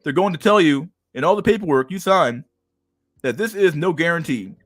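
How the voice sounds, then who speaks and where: A man's voice: a little high, lively intonation, moderate pace, no echo. A man in his thirties reading an article aloud on a stream, then breaking off into crude, mocking rants with frequent laughter. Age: 30s. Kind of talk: casual livestream commentary.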